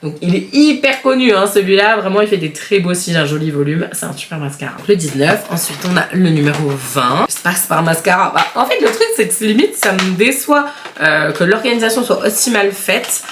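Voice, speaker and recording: A woman beauty vlogger chatting casually while she unboxes products, frank and expressive and speaking straight to her viewers. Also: fairly low pitch, a little fast. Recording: echoey home room, faint background noise.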